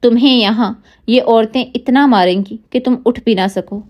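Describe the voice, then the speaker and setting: A woman's voice: on the high side, muffled recording, close to an everyday voice. A woman reading the lines of a vengeful, cold-hearted man in an audio novel.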